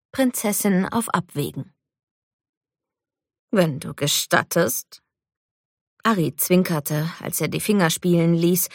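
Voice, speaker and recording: Low, gravelly female audiobook narrator. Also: no room sound, clean studio sound. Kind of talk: scripted fantasy narration.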